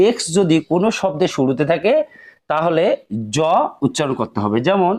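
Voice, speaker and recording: A man's voice: a little high, darkish tone. A man teaching English pronunciation rules, speaking carefully and repeating each example word. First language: Bengali.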